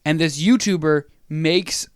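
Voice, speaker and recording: A man's voice: a little high, unhurried, dry recording, clean studio sound. Young man telling rambling stories. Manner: rambling storyteller with many fillers. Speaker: podcast co-host. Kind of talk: casual podcast chat. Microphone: podcast microphone.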